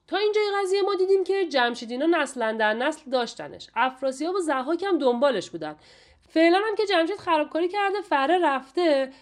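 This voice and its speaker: A woman retelling and explaining an old Persian epic in a lively, chatty storytelling manner. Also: high-pitched. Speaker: Shahnameh reader and explainer. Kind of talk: storytelling lesson.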